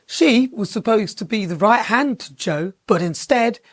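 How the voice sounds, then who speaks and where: A woman's voice: a little high, lively intonation, a little slow, dry recording. A woman TV presenter, delivering a scripted satirical monologue in a sarcastic, mocking way.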